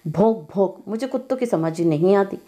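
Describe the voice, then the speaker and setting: A woman doing a shrill taunting young sister. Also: lively intonation, moderate pace, dark tone, lightly acted. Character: mocking young woman, sharp-tongued sister.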